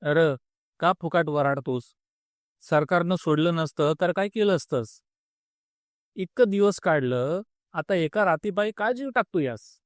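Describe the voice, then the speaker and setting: A man voicing a rough male convict from the countryside, talking in a coarse, jeering rural way. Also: on the high side, lively intonation, a little slow, no room sound, clean studio sound. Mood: scolding. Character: rough rustic male convict, mocking and crude.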